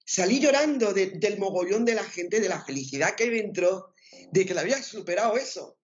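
A woman with an accent from Spain, telling her story as an interview guest in a lively way and repeating words for emphasis. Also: medium pitch, brisk, muffled recording. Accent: Spain Spanish. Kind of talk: personal testimony in conversation.

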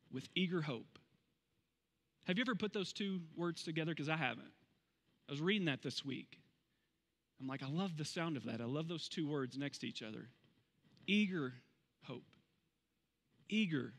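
A man in his forties preaching a sermon on a church stage, conversational and emphatic, slowing down to stress key phrases. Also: mid-range voice, a bit bright. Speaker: pastor. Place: large church stage, indoors. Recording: long reverb of a large hall.

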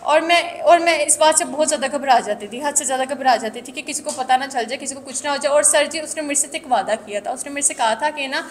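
A woman's voice: quick pace, hardly any pauses, a little hiss or hum. A woman, telling her story in an interview, anxious and repetitive with many restarts. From Pakistan. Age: 20s. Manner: high-pitched, earnest. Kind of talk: recounting harassment in an interview.

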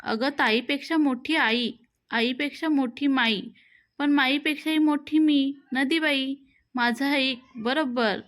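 A woman's voice: high-pitched, slow, fairly bright tone. A woman doing a mischievous little girl. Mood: coaxing.

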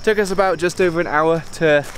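A young man in his twenties, chatting in a relaxed, upbeat way as he vlogs outdoors with a camera held at arm's length. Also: fairly high pitch, brisk, faint music behind. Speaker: travel vlogger. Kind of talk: casual travel vlog. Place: outdoors in a park and jungle trail.

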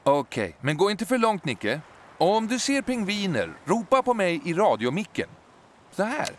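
A man voicing an eager, good-natured adult explorer in a dubbed cartoon, upbeat and excitable. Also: high-pitched, a little hiss or hum. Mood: chatty. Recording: music bed behind voice.

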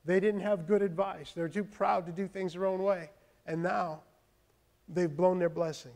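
A man preaching a sermon, animated, acting out loud pleading prayers and calling out to his congregation with repeated phrases. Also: sits high, moderate pace, creaky. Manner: repeats words, calls out to congregation. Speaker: pastor.

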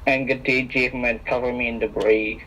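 A man's voice: mid-range voice, little pitch movement, normal speed, pushed and bright, slight background noise. A man chatting hesitantly while gaming, full of ums and restarts. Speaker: gamer. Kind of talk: casual gaming chat. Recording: muffled lo-fi mic.

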